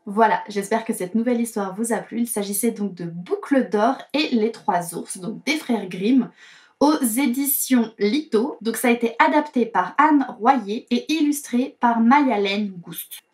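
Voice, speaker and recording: A woman reading a children's storybook aloud in a gentle, expressive way. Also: a little high, a little slow.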